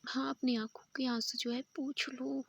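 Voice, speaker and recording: A woman's voice: sits high, little pitch movement, moderate pace, gravelly, fairly bright tone, slightly rough, no echo, heavily acted. A woman voicing a loving, playful young woman in whispered role-play, tender and coaxing. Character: loving young woman Jass, teasing and protective.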